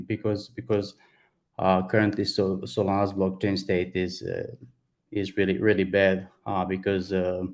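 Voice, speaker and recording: A man with a Serbian accent introduces himself on a video call. His voice sits very low and stays almost completely flat. His delivery is halting, with repeated words and restarts. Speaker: software developer introducing himself. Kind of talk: online meeting self-introduction.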